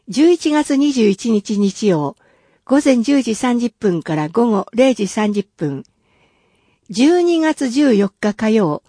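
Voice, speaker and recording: A woman reading official city announcements in a careful, even and formal manner. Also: a little high, no echo, studio quality. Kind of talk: scripted reading of public announcements.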